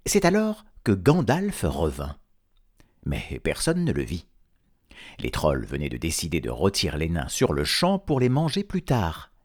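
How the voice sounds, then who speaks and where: Lively, expressive male storyteller. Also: low voice, measured pace. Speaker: narrator.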